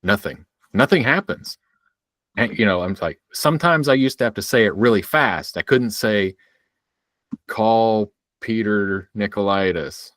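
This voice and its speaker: A man's voice: on the low side, animated, moderate pace, fairly bright tone, no echo. A man co-hosting a podcast, telling stories in an easygoing way with hedging fillers. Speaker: podcast co-host. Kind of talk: casual chat.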